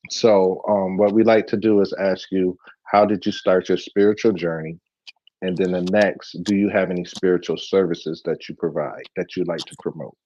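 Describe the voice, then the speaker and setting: A man's voice: low voice, fairly even intonation, moderate pace, warm tone, lo-fi sound. A man co-hosting a spiritual podcast, telling stories casually in a rambling way with lots of fillers. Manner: rambling, storytelling with many fillers. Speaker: podcast co-host.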